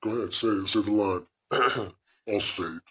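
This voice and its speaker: A man bantering jokingly through a voice changer set to a deep male voice. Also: moderate pace, fairly bright tone, husky. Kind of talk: casual podcast chat.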